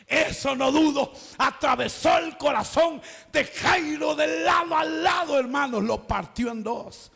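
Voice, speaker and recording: A man preaching an evangelical sermon in a church, impassioned and often shouting as he tells the story. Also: very high voice, unhurried, creaky, long reverb tail. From El Salvador.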